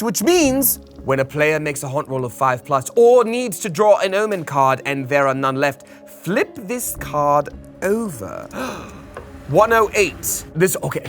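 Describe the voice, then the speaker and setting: Guy running a board game, reads rules all dramatic, voice bouncing up and down. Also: on the high side. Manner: theatrical, lively rule-reading. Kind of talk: reading game rules to players.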